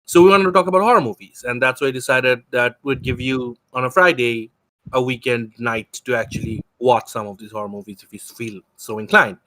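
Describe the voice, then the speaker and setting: A man's voice: mid-range voice, a little fast, fairly bright tone, dry recording. A man hosting a casual podcast chat with friends, rambling a little and correcting himself as he goes. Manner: rambling, self-correcting, laughs often. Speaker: podcast host and moderator.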